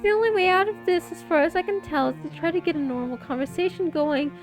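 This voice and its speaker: A woman reading a visual novel aloud into a headset mic, with animated asides and quick reactions. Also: very high-pitched. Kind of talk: reading game text aloud with commentary. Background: faint game music.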